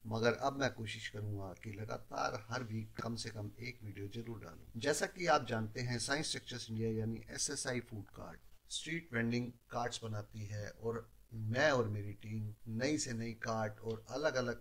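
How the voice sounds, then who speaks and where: Gravelly male host, persuasive sales voice-over for street carts, middle pitch. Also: fairly bright tone, low-quality recording. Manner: persuasive, addresses viewers as friends. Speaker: host and food cart maker. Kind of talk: promotional voice-over narration.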